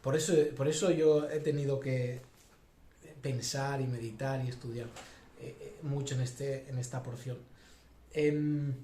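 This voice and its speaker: A man's voice: mid-range voice, fairly even intonation, a little slow, mellow, slight background noise. A man preaching a sermon as pastor, thinking aloud with many fillers and restarts. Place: church hall. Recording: echoey church hall.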